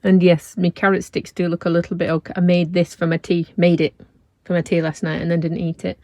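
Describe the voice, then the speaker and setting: A woman's voice: lowish voice, flat delivery, a little fast, darkish tone, dry recording. Chatty woman vlogging, dry sound. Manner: chatty, rambling, self-deprecating. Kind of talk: casual travel vlog chat. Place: camper van and outdoors.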